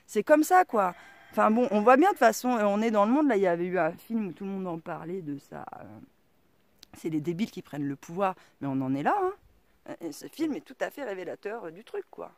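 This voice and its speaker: A woman's voice: medium pitch, animated, a little fast, no echo. Rambling French woman with a strong accent. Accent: regional French. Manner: rambling, lots of fillers like "quoi" and "euh", slangy. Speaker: vlogger. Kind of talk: casual vlog monologue.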